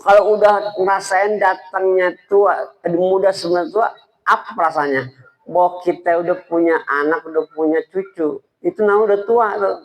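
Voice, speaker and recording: A man giving an informal, halting sermon at a religious gathering, often speaking to the listeners directly. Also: sits high, steady tone, low-quality recording. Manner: halting, stammering delivery; colloquial, addresses listeners directly. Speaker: preacher at a religious study gathering.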